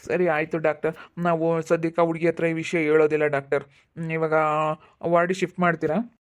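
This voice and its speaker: An actor playing a calm male family elder who steadily consoles relatives and repeats his instructions. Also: fairly high pitch, fairly quick, clean tone, close to an everyday voice. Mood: firm. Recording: tinny phone-like sound.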